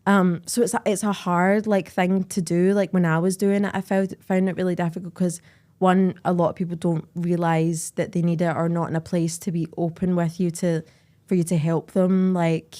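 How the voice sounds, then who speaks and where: A woman's voice: lowish voice, little pitch movement, moderate pace, mellow. A young adult Scottish woman hosting a podcast in a candid, chatty way, full of "like" fillers. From Scotland. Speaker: podcast host. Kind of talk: casual chat.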